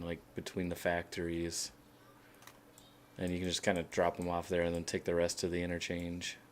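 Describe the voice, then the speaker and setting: A man streaming a game, chatting casually with other players in a relaxed, hesitant way with many fillers. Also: deep voice, slight background noise. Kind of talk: casual voice chat while playing.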